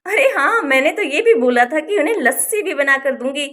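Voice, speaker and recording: A woman voicing a caring village mother in a doll storybook, talking softly and reassuringly. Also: high voice, animated, fairly quick. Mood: determined. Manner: soft, reassuring, sighing.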